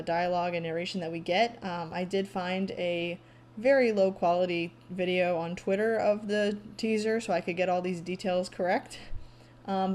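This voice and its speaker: Halting woman recapping with many ums. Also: mid-range voice, darkish tone, slight background noise. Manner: frequent ums, halting, thoughtful. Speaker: vlogger recapping a movie trailer. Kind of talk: casual solo recap.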